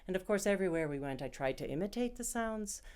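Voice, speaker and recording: A woman's voice: fairly low pitch, expressive, fast talker, darkish tone, clear, resonant tone. A woman voice actor answering interview questions in a chatty way, breaking into playful imitated accents.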